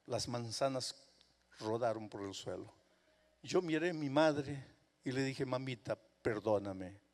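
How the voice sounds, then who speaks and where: A male pastor, telling a story in a sermon and swinging from hushed tones to impassioned outbursts. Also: mid-range voice, unhurried. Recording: echoey hall reverb.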